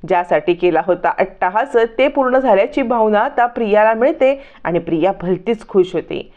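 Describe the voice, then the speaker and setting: A woman retelling a TV serial episode as a storyteller, in a steady, matter-of-fact way. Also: mid-range voice, normal speed, narrow, tinny audio.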